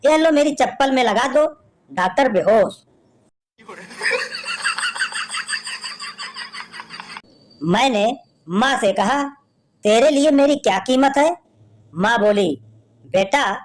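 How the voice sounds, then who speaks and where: A woman with a fairly high, very lively voice tells short jokes at a slow, deliberate pace. She acts out each quoted line, lifting and dropping her voice between characters. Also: poor audio. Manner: reads jokes slowly, acting out the quoted lines. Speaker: joke teller.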